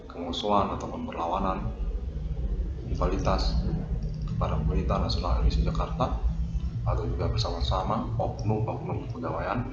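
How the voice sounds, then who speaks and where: A man reading a stiff, repetitive formal statement with long pauses. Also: sits low. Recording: lo-fi roomy recording with noise.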